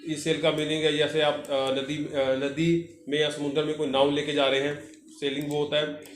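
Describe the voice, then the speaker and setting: Teacher explaining a lesson in an echoey room. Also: male voice, on the high side, level tone, soft background music. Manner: reads English lines slowly, then explains in Hindi. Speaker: vocational teacher. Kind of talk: classroom lesson explaining a textbook. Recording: echoey room with faint noise.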